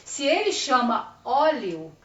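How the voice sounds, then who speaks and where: A woman with a Brazilian accent, a literacy teacher giving a chatty, expressive online lesson and acting out little dialogues. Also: sits high, slow. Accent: Brazilian Portuguese. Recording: muffled, roomy, distant mic with faint hiss.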